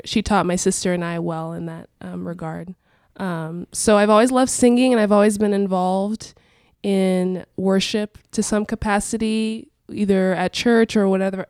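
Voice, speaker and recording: A woman's voice: mid-range voice, steady tone, normal speed, darkish tone, clear, resonant tone, no room sound, clean studio sound. A young woman from Angola and Portugal, introducing herself conversationally as a guest, her voice congested by a cold. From born in Angola, grew up in Portugal. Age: young adult. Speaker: podcast guest, worship singer.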